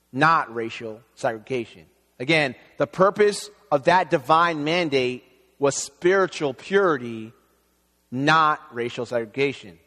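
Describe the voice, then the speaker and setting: A man born in Haiti, preaching an earnest, measured sermon as pastor. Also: medium pitch, a bit bright. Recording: long reverb in a hall.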